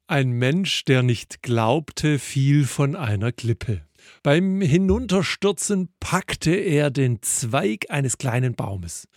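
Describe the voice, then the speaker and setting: A man giving a thoughtful devotional reflection, speaking in a measured way. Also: mid-range voice, expressive, dry recording, studio quality. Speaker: preacher.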